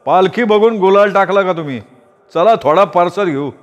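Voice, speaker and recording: A man's voice: high voice, moderate pace, lo-fi sound, voice pushed up, close to an everyday voice. A man voicing a jovial, backslapping male village landowner. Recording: long hall reverb.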